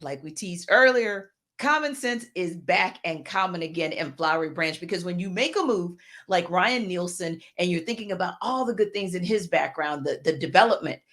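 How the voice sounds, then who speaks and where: A woman's voice: fairly low pitch, expressive, a bit bright. Articulate woman co-hosting sports talk. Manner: articulate, measured, earnest. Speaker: podcast co-host. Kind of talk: casual sports podcast talk.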